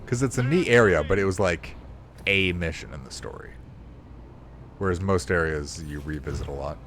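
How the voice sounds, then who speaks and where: Laid-back male streamer, lowish voice. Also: normal speed, fairly bright tone, a little hiss or hum. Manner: rambling, swears freely, self-mocking. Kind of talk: casual gameplay commentary.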